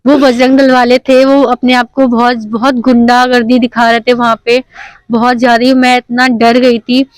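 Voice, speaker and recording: A young woman speaks to a reporter in an earnest, insistent way. Her voice sits fairly high and stays on a narrow, steady pitch. The sound is dry and close, with no room echo. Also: normal speed. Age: young adult. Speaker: nursing student giving a statement. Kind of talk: news interview statement.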